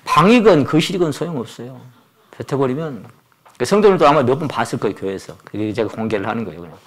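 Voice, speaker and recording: A man's voice: medium pitch, quick pace. A man in his sixties preaching a Sunday sermon at a church service, telling stories and acting out the voices of the people in them. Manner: animated storytelling, acts out quoted voices. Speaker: pastor.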